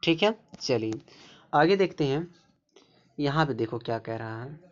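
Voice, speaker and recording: A man with a medium-pitched, lively voice teaches English pronunciation rules a little slowly, going word by word. He is repetitive, pointing things out again and again. The recording is dull and lo-fi.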